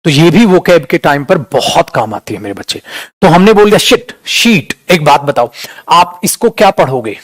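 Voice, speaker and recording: A man with a high voice, caught close and dry on the mic, gives an online English lesson. He talks to his students familiarly and stretches out words to show how they sound. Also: lively intonation, normal speed, no echo. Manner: addresses students as beta and dear, demonstrates pronunciation. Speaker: English teacher. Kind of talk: online class lecture.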